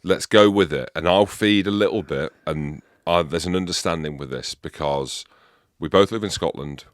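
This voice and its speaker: A middle-aged man with an English accent, hosting a casual podcast chat and leading the questions in an animated, chatty way. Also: low-pitched, moderate pace, no room sound, studio quality. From England. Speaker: podcast host.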